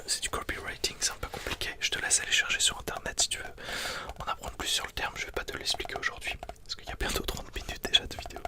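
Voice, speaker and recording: Soft whispered ASMR book review. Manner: hushed like a library whisper, explanatory. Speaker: ASMR video creator.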